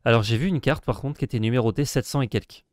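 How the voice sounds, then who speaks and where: A man's voice: mid-range voice, fast talker, darkish tone, no echo, clean studio sound. A man co-hosting a casual card-game discussion, talking with many hesitations and restarts. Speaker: co-host.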